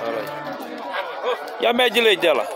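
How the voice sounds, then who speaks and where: A man's voice: high voice, sing-song, fairly quick, very noisy. A man filming a cattle fair, asking sellers their prices and repeating them for viewers. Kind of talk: walkabout video commentary. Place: outdoor cattle pens at a livestock fair. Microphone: handheld camera mic. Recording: loud fair crowd behind. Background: busy fair crowd chatter.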